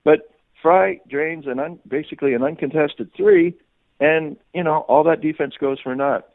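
Over a muffled, phone-like radio line, a guest reporter with a higher-leaning male voice gives improvised sports analysis at normal speed. He frequently repeats words and starts his sentences over. There's no room sound.

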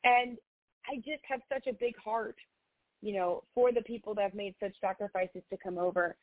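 A female singer-songwriter speaks at medium pitch and normal speed in a casual interview, earnest and heartfelt, with many "you know" fillers. The sound is dry and tinny, like a phone line.

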